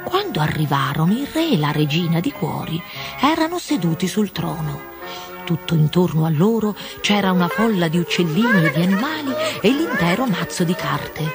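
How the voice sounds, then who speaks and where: A woman reading a children's fairy tale aloud with expressive, measured narration. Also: on the low side. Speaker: storyteller. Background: music.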